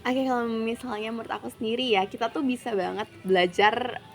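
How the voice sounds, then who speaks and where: A woman's voice: a little high, brisk. A young woman from Jakarta, a university student, chatting casually as an interview guest and dropping English phrases into her speech. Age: young adult.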